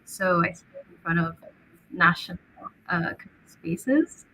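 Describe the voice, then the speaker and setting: A young woman from Egypt moderates an online panel. Her voice is bright and a little husky, and she sounds upbeat and welcoming. She uses a few fillers as she goes. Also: on the low side, expressive, takes it slowly, low-quality recording.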